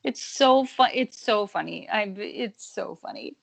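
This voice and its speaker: A woman in casual podcast chat, giggling and animated as she restarts her thoughts. Her voice sits at an ordinary middle pitch and sounds close and dry, with no room around it. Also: a little slow, gravelly, no room sound. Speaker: podcast guest.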